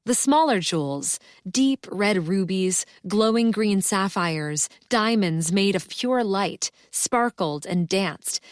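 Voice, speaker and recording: A woman reading a cozy mystery audiobook as a first-person narrator, with an expressive storytelling delivery. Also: medium pitch, dry recording, clean studio sound.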